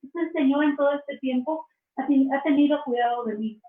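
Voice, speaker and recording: High-voiced woman giving testimony. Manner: earnest, slow storytelling with frequent restarts. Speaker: interviewee sharing a testimony. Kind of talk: faith testimony in an interview. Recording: echoey, distant, phone-like sound.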